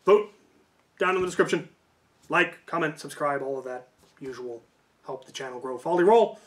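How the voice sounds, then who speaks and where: Speaking at normal speed in a slightly high voice, this man spins loose, rambling stories as a YouTube host. He hedges a lot and keeps correcting himself as he goes.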